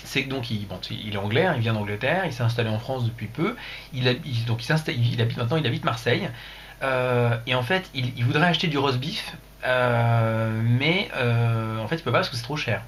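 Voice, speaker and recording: A man's voice: mid-range voice, a little fast, fairly bright tone, slight background noise. A man hosting a casual livestream, rambling and joking crudely, talking into a computer mic. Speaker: livestream host.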